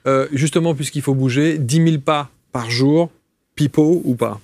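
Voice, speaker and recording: A man interviewing a guest, asking playful questions and chiming in quickly with short agreements. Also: a little high, a little mellow, no room sound. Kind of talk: casual interview chat.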